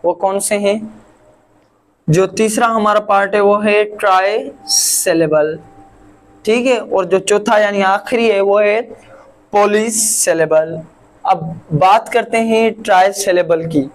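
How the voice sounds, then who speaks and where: A man from Pakistan teaching a language lesson, patiently repeating each word slowly syllable by syllable. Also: high-pitched, rough recording. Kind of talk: classroom-style language lesson.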